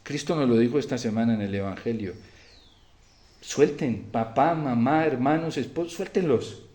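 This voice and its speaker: A man preaching a Sunday homily as a priest, swinging between quiet, grave passages and loud, fervent ones. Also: medium pitch, normal speed, reverberant. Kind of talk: sermon.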